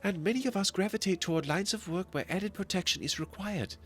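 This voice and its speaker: A man voicing an overly smooth, polished male master tailor with silky, formal shopkeeper politeness. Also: sits high, fairly quick, soft background music, voice pushed up, close to an everyday voice. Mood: suave. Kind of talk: reading game dialogue aloud on a stream.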